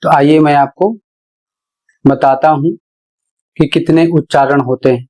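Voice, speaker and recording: A man's voice: on the high side, fairly even intonation, a little mellow, a little hiss or hum. A man teaching English pronunciation, explaining rules step by step and spelling each example word out letter by letter. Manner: deliberate, spells words letter by letter. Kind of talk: classroom-style explanation.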